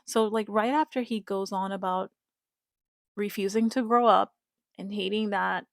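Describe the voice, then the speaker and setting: A woman's voice: mid-range voice, steady tone, unhurried, creaky, no room sound. A woman giving casual, emphatic commentary to her viewers, repeating her points and speaking to them directly. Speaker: reality-show commentator.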